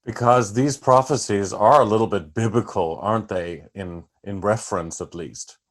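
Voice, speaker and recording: Low-ish male host, rambling questions, keeps restarting mid-sentence. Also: normal speed. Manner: long winding questions with restarts. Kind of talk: interview questions.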